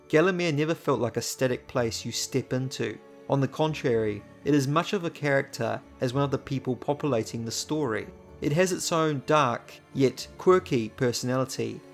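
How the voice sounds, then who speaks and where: A man giving a measured, enthusiastic scripted narration for a video essay. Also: medium pitch. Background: faint music.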